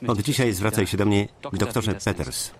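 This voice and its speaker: A man reading the voice-over for a film, giving every character's lines in his one steady voice over the original soundtrack. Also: fairly low pitch, moderate pace, a crowd in the background. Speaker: voice-over reader.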